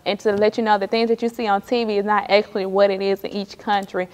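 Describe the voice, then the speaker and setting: A woman's voice: mid-range voice, level tone, quick pace, a little mellow. Earnest young woman, echoey interview room. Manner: earnest, loosely phrased with fillers. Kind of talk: casual interview answers. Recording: echoey room with long reverb.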